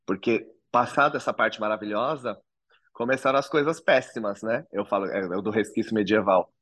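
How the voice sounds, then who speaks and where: A man's voice: on the low side, fairly quick, a bit bright, dry recording. A man, telling his own story to an interviewer in an earnest, reflective way. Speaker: interview guest. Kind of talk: personal testimony in an interview.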